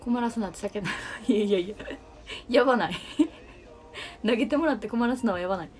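A woman's voice: mid-range voice, rapid-fire, darkish tone. Young Kansai woman chatting on a livestream. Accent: Kansai Japanese. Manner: chatty, reads out and answers viewer comments. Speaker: livestream host. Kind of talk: casual livestream chat with viewers.

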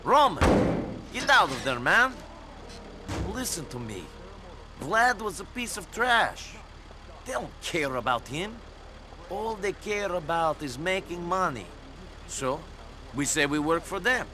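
An actor playing a tough, sarcastic immigrant hero in a video game cutscene. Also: male voice, sits high, slow pace, long pauses, noisy background, exaggerated voice. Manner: dry and sarcastic, even when threatened. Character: tough, sardonic male immigrant hero, dry humor.

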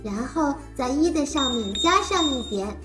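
A woman's voice: sits high, expressive, measured pace, music in the background. A woman voicing a cheerful, child-like little cartoon creature who teaches phonics, talking simply and encouragingly as if reading to a toddler. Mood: bubbly, encouraging. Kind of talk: animated lesson for small children.

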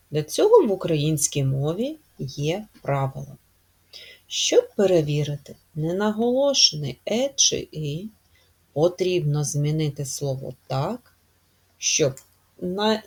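A woman teacher giving a spelling lesson to young children, speaking slowly and emphatically and stretching stressed syllables. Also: low voice, darkish tone, husky.

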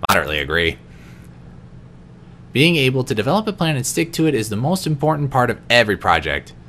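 A man reading personality quiz questions aloud in an unscripted vlog, answering each one in a quieter, lower voice with the odd stumble. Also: very animated, quick pace, slight background noise. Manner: occasional stumbles and restarts. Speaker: vlogger.

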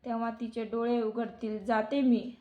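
A hushed, bitter old beggar woman scolding a proud queen, as a female storyteller puts her on. The voice stays flat and steady, and the sound is dull and lo-fi. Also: a little high, measured pace, natural voice. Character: angry poor old woman, goddess in disguise. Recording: dull lo-fi recording.

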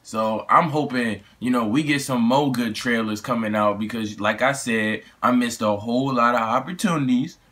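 A man's voice: medium pitch, moderate pace, hardly any pauses, fairly bright tone. A young man, chatting casually and rambling through a trailer reaction, slangy and full of fillers and restarts. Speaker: YouTube reaction host.

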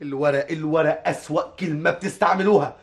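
An indignant, lofty Egyptian novelist. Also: male voice, fairly high pitch, steady tone, quick pace, gravelly. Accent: Egyptian Arabic. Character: indignant, high-minded male novelist. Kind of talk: TV drama acting.

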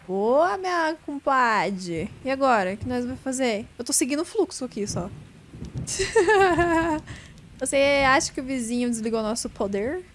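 A young woman with a high voice talks through a spooky game, jumpy and nervous, breaking into squeals and laughter when something startles her. Faint rain and thunder sound behind her voice. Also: lively intonation, normal speed, few pauses, slight background noise. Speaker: gaming streamer. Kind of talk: casual let's-play commentary.

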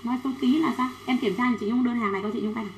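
A woman selling children's clothes on a livestream, chatting quickly and reading out sizes and buyers' names. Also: on the high side, reverberant, slight background noise, poor audio. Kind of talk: fast livestream sales pitch.

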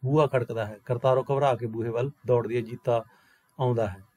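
A male college lecturer reading a one-act play aloud. He gives the stage directions in a plain, steady voice at a middle pitch. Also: fairly quick, dry recording.

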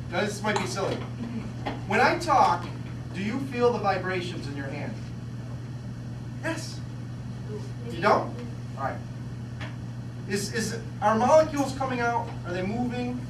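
A man's voice: high voice, a little slow, long pauses. Male teacher, classroom demo, questioning manner; distant mic, noisy room. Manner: lively, questioning, repeats words. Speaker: physics teacher. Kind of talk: classroom demonstration. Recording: echoey classroom, distant mic, background noise.

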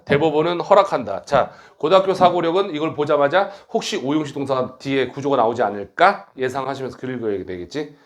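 Middle-aged male teacher, brisk blunt lecture, lively swinging pitch, fairly high voice. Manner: brisk, blunt, teasing students, frequent tag questions. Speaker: academy director and English teacher. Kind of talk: classroom grammar lecture.

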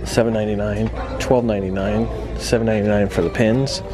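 A man's voice: lowish voice, steady tone, a little fast. A man vlogging while walking through a merchandise store, chatting casually and rattling off one price after another. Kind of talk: casual shopping chat. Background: store music.

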